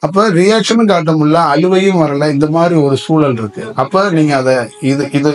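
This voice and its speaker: A man's voice: fairly high pitch, moderate pace, soft background music. Man teaching with rhetorical questions. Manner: rambling, asks many rhetorical questions. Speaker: spiritual teacher. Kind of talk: spiritual discourse to listeners.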